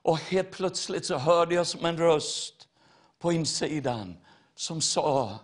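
A man preaching a testimony sermon, earnest and repetitive, speaking straight to his listeners. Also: on the high side.

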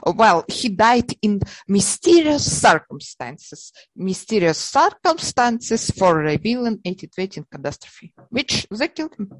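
A woman with a Russian accent explaining her theories in halting, non-native English, insistent and repeating words for emphasis. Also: mid-range voice, sing-song, no echo, low-quality recording. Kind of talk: unscripted conversation, explaining theories.

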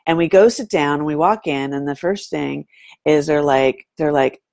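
A woman telling a story in a casual talk, animated and often checking in with "right?". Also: low voice, moderate pace, vocal fry, dry recording, clean studio sound. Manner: animated, fond of saying "right?" to draw the listener in.

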